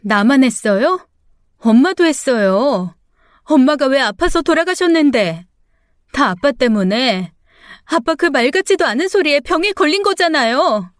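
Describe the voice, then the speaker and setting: A woman voicing a grown daughter who is bitter and defiant toward her father, with sharp, accusing, tearful protests. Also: sits high, expressive, a little slow, dry recording, clean studio sound, voice pushed up. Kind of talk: radio drama acting.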